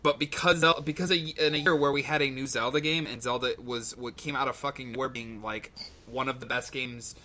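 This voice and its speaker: A man's voice: mid-range voice, fairly even intonation, brisk, bright, forceful tone. A man co-hosting a gaming podcast, rambling and swearing casually. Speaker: podcast co-host.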